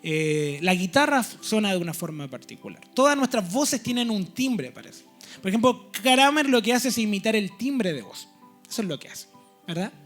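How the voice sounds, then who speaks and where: A man's voice: high voice, lively intonation, moderate pace, fairly bright tone, soft background music. A man preaching a teaching sermon in a church. He explains step by step and keeps checking in with his listeners.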